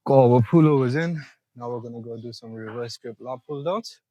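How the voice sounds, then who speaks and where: A young man walks viewers through a back workout in a gym, breathing hard between sets and explaining each move as he goes. His voice is husky and breathy, with a mid-range pitch. The sound is close and dry, with little room echo. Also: a little fast, dark tone. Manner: instructive, coaching viewers step by step. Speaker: fitness vlogger. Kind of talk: casual gym walkthrough.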